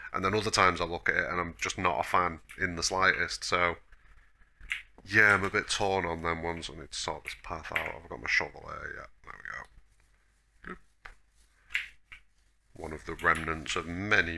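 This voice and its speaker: A man's voice: deep voice, creaky, background noise. A man giving a casual, rambling gameplay tour as host, self-deprecating and a little grumbly, sounding chesty from a cough. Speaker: host of a gaming video.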